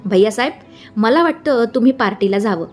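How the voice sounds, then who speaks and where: A cheeky young male assistant who pouts and teases his boss, as a woman reads him in a storybook. His lines sit a little above her narration, with soft music far behind. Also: a little high, lively intonation, a little fast, lightly acted. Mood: teasing. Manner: teasing, pouting.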